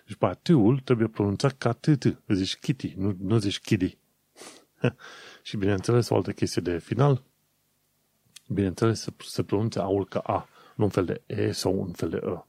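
A man's voice: lowish voice, creaky, warm tone, breathy edge, no room sound. A young man from Romania, chatting casually as a host, thinking aloud with fillers and self-corrections. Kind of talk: casual commentary.

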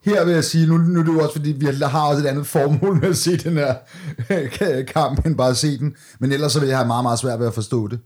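A man's voice: a little high, steady tone, hardly any pauses, darkish tone. A man co-hosting a podcast in casual, colloquial chat, with some mild swearing. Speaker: podcast co-host. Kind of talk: casual chat, football watch-along commentary.

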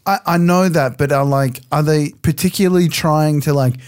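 A man's voice: a little high, normal speed, darkish tone, clear, resonant tone, no echo. A man co-hosting a podcast, chatting casually about a film, rambling with lots of fillers and swearing. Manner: rambling, swears, many likes and uhs. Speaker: podcast co-host. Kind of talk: casual movie-review chat.

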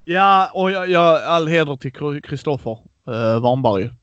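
A man's voice: a little high, clean tone, no echo, highs cut off. A man hosting a casual podcast chat, animatedly retelling a tabletop game session and acting out the players' lines. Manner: animated storytelling, acts out players' lines, laughs a lot. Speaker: podcast host.

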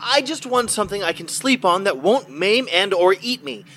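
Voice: mid-range voice, animated, normal speed, a bit bright, slight background noise, lightly acted. An actor playing a frazzled human kept as an alien's pet, anxious and rambling. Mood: pleading. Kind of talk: comedy audio drama.

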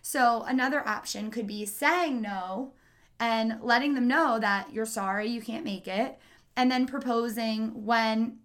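Young woman, slightly high voice, casual advice vlog, chatty, self-deprecating. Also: measured pace, fairly bright tone. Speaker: vlogger giving life tips.

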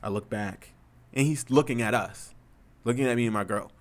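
A man's voice: mid-range voice, moderate pace. Young man, casual streamer chat, rambling, profane, heated storytelling.

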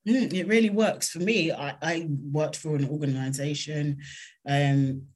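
A woman with a South London accent answering interview questions in an earnest, measured, conversational way. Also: deep voice, fairly even intonation, darkish tone, breathy edge. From South London, England. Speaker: interview guest, consultant.

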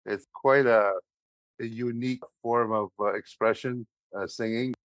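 A man hosting a podcast interview, speaking in a halting way with fillers and restarts. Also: medium pitch, steady tone, no echo. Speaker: podcast host. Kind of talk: casual interview chat. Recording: dull lo-fi podcast audio.

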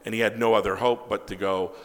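A man, a comic book writer, telling casual anecdotes in an interview, animated, acting out quoted dialogue and swearing freely. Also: fairly low pitch, fast, in a large hall.

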